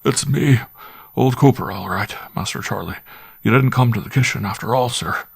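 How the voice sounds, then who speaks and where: A man's voice: mid-range voice, moderate pace, creaky, slightly rough, dry recording, studio quality, voice pushed up. A man voicing an old, superstitious butler who speaks in a rustic, wary way. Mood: soothing. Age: older.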